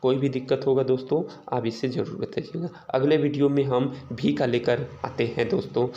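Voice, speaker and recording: A man's voice: mid-range voice, steady tone, normal speed, warm tone, dull audio, slight background noise. A man giving a casual, patient lesson to his students, repeating his tag questions often and writing as he explains. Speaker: teacher. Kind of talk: casual classroom-style lesson. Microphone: recording while writing on a board or page.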